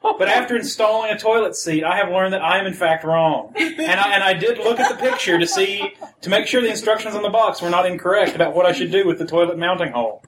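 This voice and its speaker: A man's voice: high-pitched, quick pace, fairly bright tone, rough recording. A man co-hosting a casual podcast chat, telling wry, rambling jokes. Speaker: podcast co-host.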